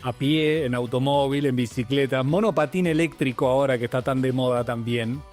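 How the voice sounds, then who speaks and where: A man's voice: mid-range voice, steady tone, brisk, a little mellow, faint music behind. A man, co-hosting a casual radio chat in a studio with playful, joking banter. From Argentina. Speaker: radio co-host.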